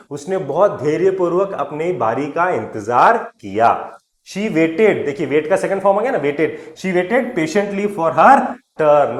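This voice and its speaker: A man with a fairly high voice teaches English vocabulary, reading example sentences slowly and clearly before explaining them in Hindi. He hits each new word loudly, then lets his voice trail off softly, and the recording sounds roomy.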